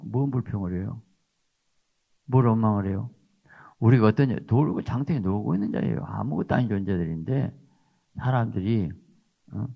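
An older man preaching with emphasis, pressing his points with questions to the congregation. His voice is low and gravelly. The recording sounds dull and lo-fi. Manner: emphatic, repeats rhetorical "어?" tags. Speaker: pastor. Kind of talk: sermon.

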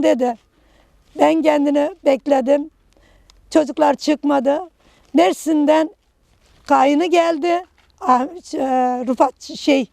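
Middle-aged woman, very gravelly, dry close sound, halting personal testimony. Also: high voice, darkish tone, no room sound. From Kahramanmaraş, Turkey. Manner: halting, tells events in short broken phrases. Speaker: earthquake survivor interviewee.

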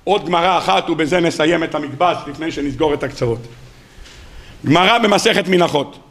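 A man's voice: a little high, a bit bright. A man giving a weekly sermon as a rabbi, telling stories dramatically and acting out the dialogue while addressing his listeners. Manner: dramatic storytelling, acting out quoted dialogue, addressing audience as "rabbotai".

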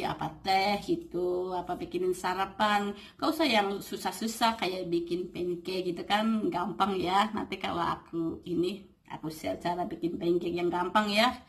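A woman talking casually to camera, giving advice with many fillers and playfully acting out quoted lines. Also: lowish voice. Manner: chatty, full of fillers, acts out quoted lines. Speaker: vlogger giving dating advice.

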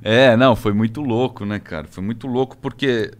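A young Brazilian man with a Brazilian Portuguese accent, a podcast guest talking casually and haltingly with many restarts. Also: medium pitch. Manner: hesitant, many restarts and fillers. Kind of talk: casual interview talk.

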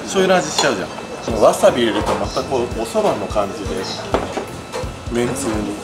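Lively, fast-talking young man, animated pitch. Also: loud music behind the voice. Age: young adult. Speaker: vlog host. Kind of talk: casual chat over food and drinks. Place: small busy Japanese izakaya, later the street outside.

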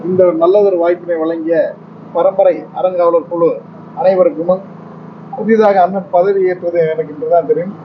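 High-voiced man giving a formal speech. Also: steady tone. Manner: formal, halting oratory. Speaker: music troupe leader. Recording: dull, noisy event recording.

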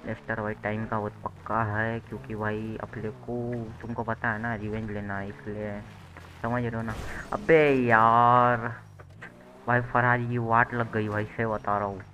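A young man talks viewers through his game, bright and a bit forceful in tone, staying in a flat, steady pitch band. A faint hiss runs under the voice. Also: rough recording. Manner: chatty, addresses viewers as bhai, shouts when the game goes wrong. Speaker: gaming channel host. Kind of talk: casual Hindi gameplay commentary.

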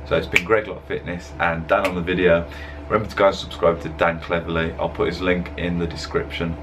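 Talking casually and rambling in a laid-back way, a young fitness vlogger narrates gym footage from an indoor room through a webcam at his desk. His low-pitched voice shows little pitch movement and runs a little fast, with background noise present.

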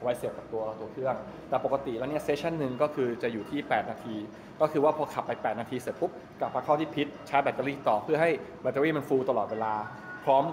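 Holding a 360 camera at arm's length, a middle-aged man leads a casual tour of a big open-sided go-kart pit hall, rambling and explaining in a chatty vlogger manner. His voice is medium-pitched, and the space adds roomy echo along with loud, clear ambient noise.

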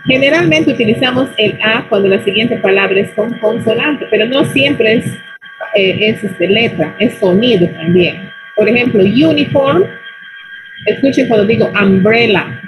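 A woman teaching an online English class in Spanish, modeling English words slowly and checking whether the students follow. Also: on the high side, music in the background, low-quality recording.

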